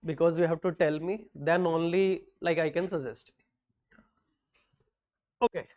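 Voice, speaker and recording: On a lo-fi recording, a middle-aged man from North India with Hindi as his first language lectures a class in a North Indian accent, joking and dropping quick Hindi asides into English. His voice is on the high side, fairly even in intonation and a little mellow.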